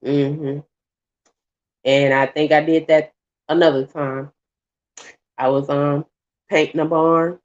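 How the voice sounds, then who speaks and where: Deep-voiced and slow with long pauses, a woman vlogger casually recounts a story while cooking at home. She uses repetitive, colloquial phrasing and animatedly voices the characters, and the home recording sounds muffled.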